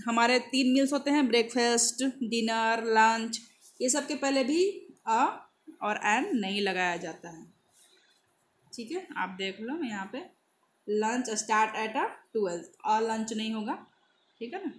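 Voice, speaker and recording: Lady teacher going over grammar rules, kinda high voice, slows right down on examples. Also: slight background noise. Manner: reads English examples slowly, repeats "है ना" often. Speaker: English teacher. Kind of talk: explaining grammar in Hindi.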